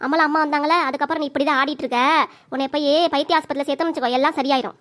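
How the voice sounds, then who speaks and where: A woman playing a sharp-tongued old mother-in-law. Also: high-pitched, fairly even intonation. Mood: indignant. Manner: indignant, rapid arguing. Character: sharp-tongued older mother-in-law, defensive of her son.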